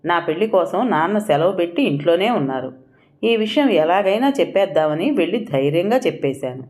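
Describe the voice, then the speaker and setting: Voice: mid-range voice, animated, brisk, a little mellow, natural voice. A narrator voicing a tearful, anxious young bride who pleads and confesses, in a storybook reading. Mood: confessional.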